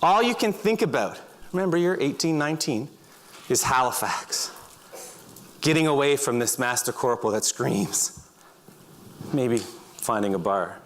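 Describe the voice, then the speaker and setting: A middle-aged man telling vivid second-person stories on a stage, breaking into loud shouts. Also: mid-range voice, animated, measured pace, long pauses, a little hiss or hum. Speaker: speaker. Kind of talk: storytelling talk. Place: auditorium stage.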